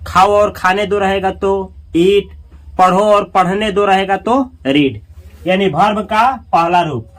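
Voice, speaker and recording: Slow-paced male teacher. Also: high-pitched, a bit bright. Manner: explains slowly, spelling words out letter by letter and repeating them. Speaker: English teacher. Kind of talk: spoken English lesson.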